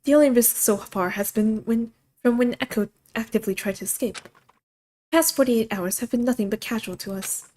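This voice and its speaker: Voicing the characters of a visual novel as she narrates it casually, this woman speaks a little fast in a voice on the high side, with playful, excitable reactions along the way.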